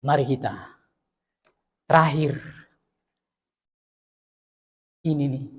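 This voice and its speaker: A male pastor, preaching a storytelling sermon in an animated way. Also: drawn-out words, husky, big-room sound. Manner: animated, swings from loud acted scenes to low earnest preaching.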